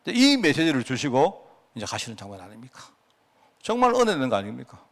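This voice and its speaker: A man's voice: medium pitch, wildly swooping pitch, fast talker. A middle-aged man with a Gyeongsang Korean accent preaching a conversational prayer-meeting sermon, telling stories with frequent asides to the congregation. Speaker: pastor.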